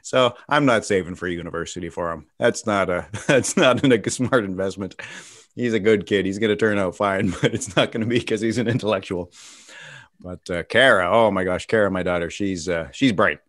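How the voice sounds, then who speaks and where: A man's voice: on the low side, moderate pace, fairly bright tone, dry recording, clean studio sound. A middle-aged man doing casual stand-up comedy over a video call, self-mocking and laughing at his own jokes. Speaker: stand-up comedian hosting a virtual show.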